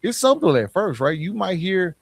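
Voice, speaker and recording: A male podcast host with a high voice swings widely in pitch at normal speed, with vocal fry and a slightly rough quality. He speaks plainly and conversationally in a motivational style, putting rhetorical questions directly to listeners.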